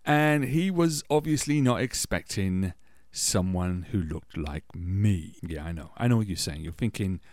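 A man's voice: sits low, lively intonation, unhurried, darkish tone, no echo, studio quality. A man from England with a British accent, hosting a podcast and telling personal stories in a chatty, anecdotal way with wry self-deprecating asides. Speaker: podcast host. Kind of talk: casual personal storytelling.

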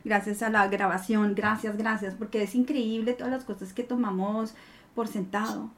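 A woman, an artist talking as a guest in an interview, animated and playful. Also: mid-range voice, normal speed. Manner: animated, playful, acts out inner dialogues. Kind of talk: conversational interview.

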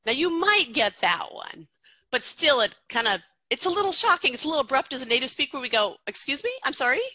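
A woman's voice: high voice, very animated, a little fast, sharp tone, dry recording, low-quality recording. A middle-aged woman, a pronunciation teacher, explaining things in an interview in a chatty way with lots of fillers and restarts.

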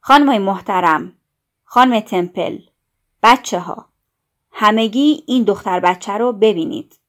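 A woman's voice: mid-range voice, natural voice. A woman doing a pompous, lecturing male school patron. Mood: denouncing.

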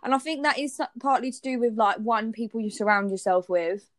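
A woman's voice: a little high, fairly quick, dry recording. Chatty young woman, dry sound. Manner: chatty, fillers like "like", candid. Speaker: podcast co-host. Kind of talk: casual chat.

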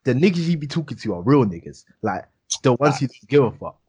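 A man's voice: medium pitch, big pitch swings, fast talker, noisy background. A young man with a London roadman accent hosting a casual, slang-heavy chat, repeating phrases for emphasis. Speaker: podcast host.

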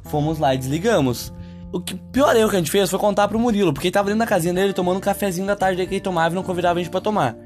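A man's voice: sits high, rapid-fire, faint music behind. A young Brazilian man hosting a casual podcast, telling a story with teasing energy and playful voices. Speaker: podcast host.

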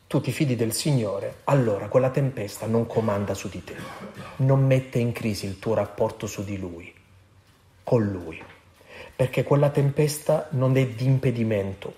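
Male preacher, earnest and emphatic sermon delivery, mellow dark tone. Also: mid-range voice. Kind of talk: sermon with Gospel reading.

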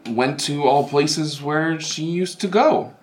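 A man's voice: on the high side, takes it slowly, very noisy. Man playing a blunt hulking guy who drops words, room echo. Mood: terse. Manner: clipped broken grammar. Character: gruff male glamour figure, broken speech.

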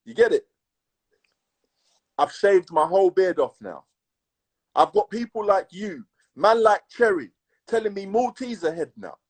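A man with a London roadman accent telling stories in casual, slangy chat, emphatic and repetitive, with a husky voice. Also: high voice, very animated, measured pace, pauses often, a little mellow. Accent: London urban, roadman. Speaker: podcast co-host.

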